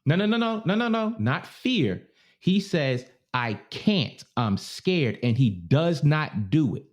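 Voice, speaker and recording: A man's voice: on the high side, unhurried. A man in his thirties co-hosting a podcast, arguing emphatically and with swearing in casual debate. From Baltimore area. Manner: emphatic, animated, profane, repeats himself. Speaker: podcast co-host.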